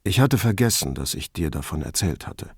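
A man voicing an older male count, grieving and halting, quick to flare up. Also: low voice, sing-song, slightly rough, no room sound, studio quality, pitched below the performer's own voice, full character voice. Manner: halting, heavy with grief.

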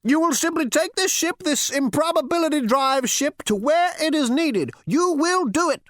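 A woman reading an audiobook, voicing a stern, weary old male ghost with a rasping voice who lectures and commands. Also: high-pitched, lively intonation, normal speed, no room sound, clean studio sound, pitched above the performer's own voice. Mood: commanding. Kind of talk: audiobook character voice.

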